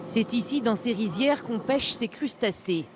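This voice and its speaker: A woman's voice: fairly high pitch, animated, a little slow, a little hiss or hum. A woman reporter reading scripted narration for a television news report.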